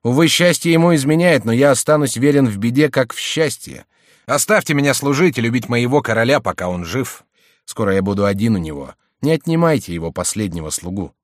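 A man's voice: mid-range voice, lively intonation, a little fast, no room sound, clean studio sound, lightly acted. A man voicing a grave, loyal jester-envoy in an audiobook, raising his voice to plead earnestly with sorrow.

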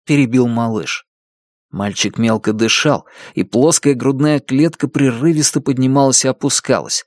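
A man narrating an audiobook thriller in an even, measured reading voice. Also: medium pitch, no echo, clean studio sound.

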